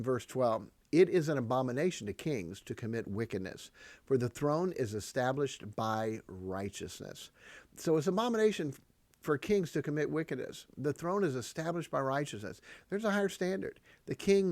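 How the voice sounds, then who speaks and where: A man teaching parents from proverbs, with emphatic delivery, repeated key lines and frequent chuckles. His voice sits at an ordinary middle pitch. The sound is dry and close. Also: darkish tone, dry recording. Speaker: podcast host teaching parents. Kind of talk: preachy parenting talk on proverbs.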